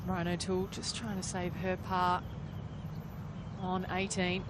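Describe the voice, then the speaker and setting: A woman's voice: on the low side, completely flat delivery, unhurried. A woman working as a golf commentator, giving conversational live television commentary on tournament play. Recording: clear outdoor course ambience noise. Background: outdoor ambience.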